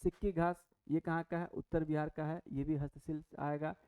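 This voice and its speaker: A man's voice: on the high side, flat delivery, moderate pace, mellow, clear, resonant tone. A man teaching an exam-prep lesson, chatty, asking and answering his own questions with many fillers and restarts. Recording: tinny phone-like audio.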